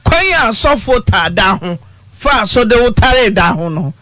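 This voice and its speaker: A Ghanaian woman hosting a radio phone-in, pressing a caller with sharp questions and mocking laughter. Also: mid-range voice, very animated, a little slow, no room sound. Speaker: radio host. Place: radio studio. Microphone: studio mic.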